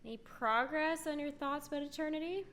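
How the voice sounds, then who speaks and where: A woman's voice: high voice, brisk, a bit bright, a little hiss or hum. A woman streaming a video game, giving casual, chatty commentary as she plays. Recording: faint game music behind.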